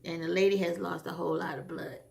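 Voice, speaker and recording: A woman's voice: fairly low pitch, level tone, fast, creaky, a little mellow. A woman casually recapping a TV episode for her channel, chatty and rambling, with frequent fillers. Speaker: TV episode reviewer.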